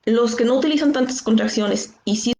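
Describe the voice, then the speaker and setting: A woman's voice: on the high side, fairly quick, darkish tone, reverberant. A woman with a Mexican Spanish accent, an English teacher patiently explaining grammar in an online class and often checking with "¿sí?". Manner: patient, checks understanding with frequent "¿sí?".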